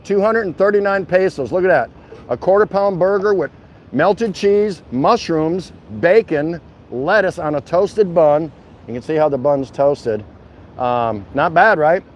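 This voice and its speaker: A walking vlog host from Milwaukee, with a somewhat high voice and an American accent, talks at a measured pace in a loose, colloquial way. He's folksy and jokey with regular livestream viewers outside a city food truck, with faint street noise and lo-fi sound.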